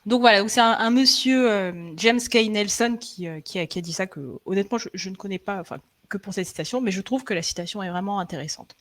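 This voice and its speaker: A woman's voice: mid-range voice, a little fast, few pauses. A young woman giving a live online coding presentation over a computer mic. She talks in a loose, hesitant way, full of fillers and restarts, and checks in with her viewers now and then. Her throat is a little sore. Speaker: frontend developer presenting a live webinar. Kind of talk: live tech presentation, conversational.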